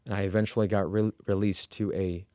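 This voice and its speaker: Fields: man, middle-aged, low clear voice, slow measured. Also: dry recording, studio quality. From Iran. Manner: measured, steady, with frequent fillers and restarts. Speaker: interview guest; executive coach. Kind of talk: candid personal storytelling.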